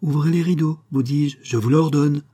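A man's voice: mid-range voice, lively intonation, normal speed, gravelly, mellow, husky. A man reading a storybook and voicing a young doctor who is shaken but firm, with urgent, commanding exclamations.

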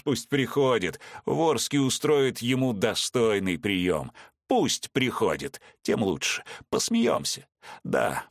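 A man voicing a cruel, vengeful male villain in an audiobook, gloating and ranting between low menace and shouting. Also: dry recording, clean studio sound. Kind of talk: audiobook character reading.

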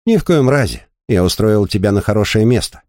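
A man's voice: lowish voice, animated, fairly quick, a little mellow, no echo, clean studio sound, voice pushed up, lightly acted. A man putting on a mocking, crude young courier. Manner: teasing, coarse, needling. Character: brash crude male bike courier, mocking.

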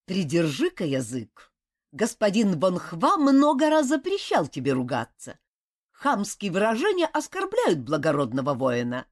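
A woman's voice: on the low side, huge pitch swings, a little slow, exaggerated voice. A woman voicing a self-important elder boy who preaches and gives orders. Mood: commanding. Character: haughty elder boy leader, preaching, commanding.

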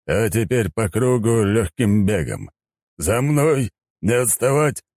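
Guy doing a stern drill instructor, deep low voice, short barked orders. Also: expressive, slow, a little mellow, dry recording, clean studio sound, full character voice. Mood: commanding. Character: stern, mighty male combat instructor, calm but commanding.

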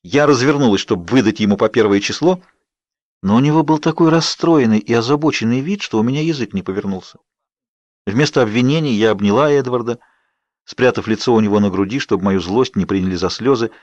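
A man narrating an audiobook in the first person with a steady, expressive reading. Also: medium pitch, a little fast, no room sound, lo-fi sound.

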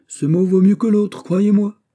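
A man voicing a calm, commanding older musketeer with a mocking, emphatic manner, in a storybook reading. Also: sits high, unhurried, pitched above the performer's own voice. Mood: correcting.

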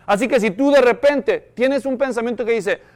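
Pastor, male, high and clear-voiced, preaching a sermon full of rhetorical questions. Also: normal speed, a little mellow.

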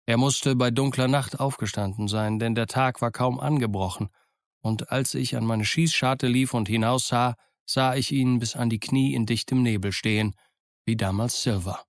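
A man reading a novel aloud in an even, measured storytelling manner. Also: medium pitch, no room sound, studio quality. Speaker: audiobook reader. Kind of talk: scripted narration.

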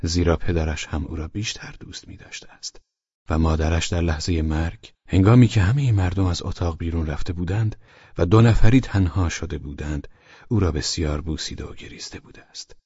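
A man narrating a novel as an audiobook in a measured, even manner, close to the mic. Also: deep voice, husky, dry recording, dull audio. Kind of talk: scripted literary narration.

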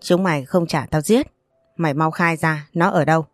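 A woman's voice: sits low, moderate pace, no room sound, faint music behind, natural voice. Woman reading as a menacing male loan-shark thug. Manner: threatening, coarse.

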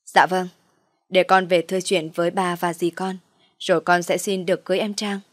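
A woman's voice: on the low side, little pitch movement, normal speed, no echo, studio quality, lightly acted. A woman voicing a polite, gullible young man who stammers and speaks earnestly.

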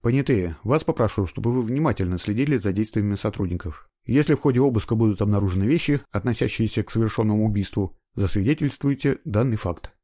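A man reading a book aloud, voicing a calm, methodical investigator in measured, official tones. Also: on the low side, no echo, studio quality. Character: calm, methodical male investigator, middle-aged.

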